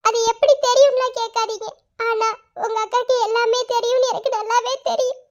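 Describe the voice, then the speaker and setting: A hurt young cartoon woman, shrill and on the edge of tears, as a woman acts her out. Her voice climbs very high and sharp, pushing someone away. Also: flat delivery, a little fast, highs cut off. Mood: tearful. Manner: shrill and emotional. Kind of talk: cartoon voice acting.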